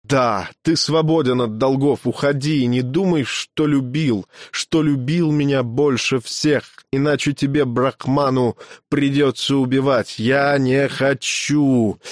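A dying old teacher speaks in strained, broken phrases, as a man reads him aloud. His voice sits at an ordinary male pitch and is recorded close and dry, with no room around it. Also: steady tone, unhurried, dry recording, natural voice. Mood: pained, pleading.

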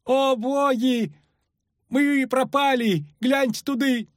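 A man's voice: steady tone, slow pace, no room sound, clean studio sound. A man voicing a panicky rustic male ferryman who shrieks in country dialect. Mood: terrified. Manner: shrill, wailing, rustic dialect.

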